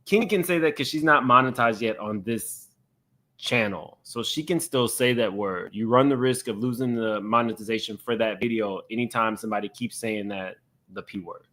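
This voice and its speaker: A man's voice: lowish voice, normal speed, sharp tone. A man hosting casual reaction commentary in a blunt, unapologetic, conversational way. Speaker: host of a commentary channel.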